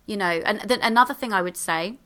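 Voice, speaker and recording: Bubbly, bright-voiced woman giving advice. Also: mid-range voice, brisk. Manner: bubbly, exclamatory, chatty with many fillers. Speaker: podcast guest. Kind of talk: casual advice in conversation. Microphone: handheld microphone.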